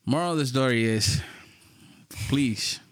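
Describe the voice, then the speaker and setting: A man's voice: medium pitch, measured pace, dry recording, studio quality. A young man bantering casually on a podcast in a slangy, joking, emphatic way. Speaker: podcast co-host.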